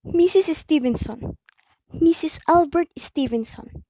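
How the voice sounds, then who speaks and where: High-pitched, fretful, imperious wife played by a woman. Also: takes it slowly, warm tone, poor audio. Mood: fretful, insistent. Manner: indignant, insistent, melodramatic. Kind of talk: amateur radio play acting.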